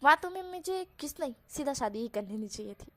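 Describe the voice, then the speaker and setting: Woman voicing a soft-spoken, possessive young man, measured and low-key. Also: expressive. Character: calm, possessive young husband. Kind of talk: storybook voice acting.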